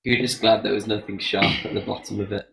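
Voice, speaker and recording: A man acts as game master for a tabletop session. His voice is low with a gravelly creak, and he describes scenes in a halting, conversational way. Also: little pitch movement, heavy background noise. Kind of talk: improvised tabletop game narration.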